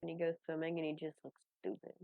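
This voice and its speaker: A woman's voice: deep voice, monotone, fast, vocal fry, no echo, phone-quality sound. Playful woman chatting at a game table. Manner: playful and giggly. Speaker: player. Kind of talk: casual chat at a tabletop game.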